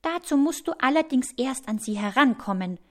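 A woman's voice: sing-song, moderate pace. A woman doing a cheerful little ant. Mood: gentle. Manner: bright and high, gentle. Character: cheerful, cautious female ant.

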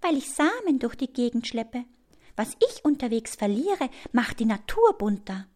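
A woman voicing a cheerful, careful female ant in a storybook reading, in a high, bright voice. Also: very animated, moderate pace. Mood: pleased.

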